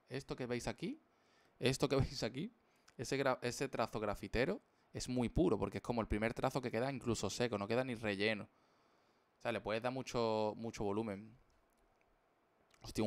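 A young man from rambles playfully to his viewers during a live drawing stream. His voice is rough and gravelly, sitting at a middle pitch. The sound is close and dry, with no room echo. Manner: playful, slangy, jokey rambling. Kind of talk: casual live-stream chat while drawing.

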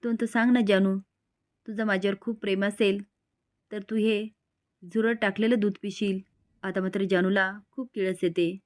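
A woman's voice: mid-range voice, steady tone, moderate pace. Woman narrating a serial recap. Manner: reads all characters' lines in the same plain voice. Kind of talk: scripted narration with acted quotes.

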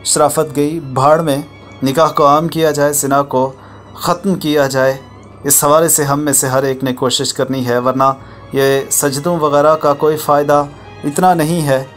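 A man's voice: a little high, fairly even intonation, a little slow. Preachy man lecturing over faint music. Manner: preachy, lecturing, formal religious phrasing. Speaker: channel host narrating a viral video. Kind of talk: moralizing voice-over commentary.

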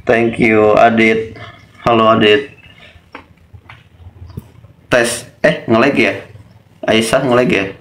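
A man's voice: on the low side, fairly even intonation, slow, pauses often, a bit bright. A man in his late twenties hosting a casual phone livestream from a small room, greeting viewers by name and urging them to tap. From Bandung, Indonesia. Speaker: livestream host. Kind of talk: casual live-stream chat. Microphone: phone camera close up.

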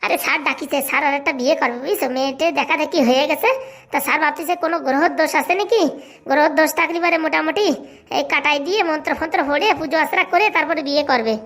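A voice actor playing an eager, excitable servant man in a comic cartoon. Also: high voice, very fast. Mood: hurried.

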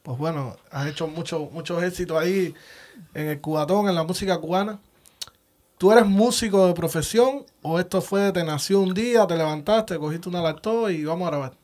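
A man's voice: moderate pace, darkish tone. Upbeat interview host man. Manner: upbeat, pitches giveaways and subscriptions. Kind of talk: casual interview hosting.

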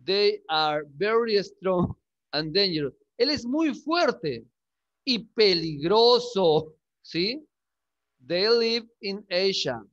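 High-voiced, unhurried teacher. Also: male voice, animated, fairly bright tone, muffled recording. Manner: checks understanding with frequent "¿sí?", chuckles often. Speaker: English teacher. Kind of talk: online class, bilingual explanation.

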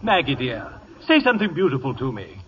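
An actor playing a witty, vain English playwright with a breathy, theatrical manner in a 1950s radio drama. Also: male voice, medium pitch, wildly swooping pitch, brisk, a little hiss or hum. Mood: flamboyant. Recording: dull lo-fi 1950s radio broadcast with long reverb.

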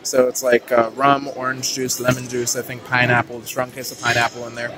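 Over music, a young man narrates a casual, upbeat walkthrough of a large indoor buffet restaurant, filming with a handheld phone and dropping plenty of "ooh"s and "uh"s. His medium-pitched voice stays monotone and moves a little fast. The phone video is noisy, with diners chattering and dishes clattering around him.

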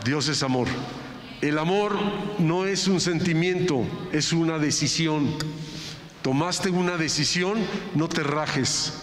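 A man's voice: a little high, unhurried. A man preaching a sermon as pastor, talking in a conversational way and checking in with his listeners. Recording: echoey reverberant hall with faint ambience.

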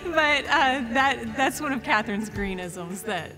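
A woman's voice: a little high, expressive, measured pace. A woman in a video interview, speaking hesitantly with "um"s and giggles. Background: music bed.

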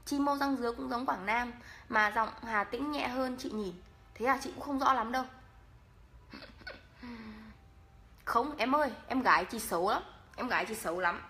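Woman vlogger, northern Vietnamese accent, high bright voice, jokey makeup chat. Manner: playful and teasing, laughs often. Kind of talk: casual makeup vlog chat.

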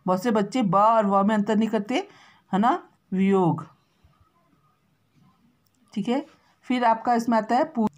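A woman from Uttarakhand teaches young schoolchildren how to spell, stretching each word out syllable by syllable. She keeps checking in with the class through short tag questions, and her voice sits at an ordinary middle pitch for a woman. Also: darkish tone. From Uttarakhand, India. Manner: slow, drawn-out spelling out of words; constant tag questions to pupils. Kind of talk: spelling lesson for children.

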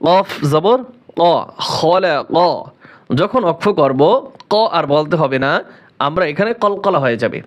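A man leads a recitation lesson, sounding out each word letter by letter before chanting it. His voice sits somewhat high, and he moves at a very slow, deliberate pace. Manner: spells each word syllable by syllable, then chants it slowly. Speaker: Quran recitation teacher.

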